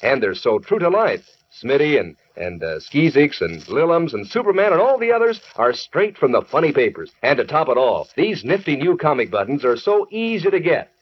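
Lively American old radio announcer, male. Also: fairly high pitch, normal speed, hardly any pauses, slightly rough. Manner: chummy, enthusiastic salesman addressing children. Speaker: announcer reading sponsor messages. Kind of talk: old radio announcer, folksy sales pitch. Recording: dull vintage radio recording.

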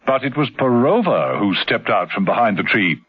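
A man's voice: mid-range voice, big pitch swings, moderate pace, husky, dry recording. A man giving dramatic scripted narration for a radio serial, on a lo-fi recording.

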